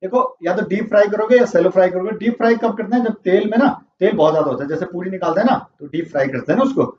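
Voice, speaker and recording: A man's voice: sits high, rapid-fire, a little mellow. A man teaching a vocabulary lesson, quizzing the class and repeating their answers. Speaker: English teacher. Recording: roomy, distant, dull classroom audio.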